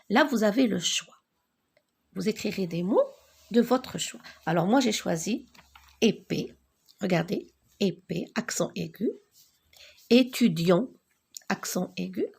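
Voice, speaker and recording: Woman teacher for a spelling lesson; slow and deliberate, raspy and husky. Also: mid-range voice. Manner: slow, deliberate, repeats key words for emphasis.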